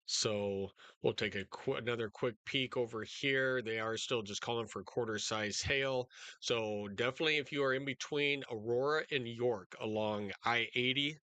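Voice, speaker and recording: A man hosting live storm coverage in a casual, unscripted, halting way, speaking directly to his viewers. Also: mid-range voice, sharp tone, no room sound. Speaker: storm-coverage livestream host.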